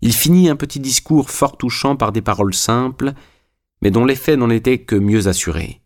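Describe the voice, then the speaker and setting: A man narrating a literary audiobook in a measured, even storytelling manner. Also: mid-range voice.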